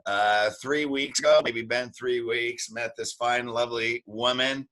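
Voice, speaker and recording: A man's voice: medium pitch, steady tone, unhurried, a bit bright. A man hosting a podcast, talking in a rambling, jokey and upbeat way. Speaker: podcast host. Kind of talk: casual podcast talk.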